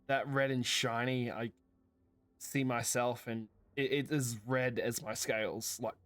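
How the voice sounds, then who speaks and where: A man's voice: mid-range voice, flat delivery, a little slow. A man chatting casually as a tabletop game player, jokey and sometimes profane. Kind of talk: casual role-playing chat.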